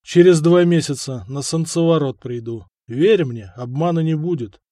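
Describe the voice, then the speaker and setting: Brash young warlord, calm and blunt, voiced by a male narrator. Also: a little high, moderate pace, no room sound, clean studio sound, close to an everyday voice.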